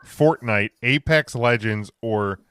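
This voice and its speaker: A man's voice: mid-range voice, slow, a bit bright, smooth, no room sound, studio quality. A man hosting a casual podcast with friends, who swears and laughs easily as he runs the segment. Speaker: podcast host. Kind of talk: casual banter among friends.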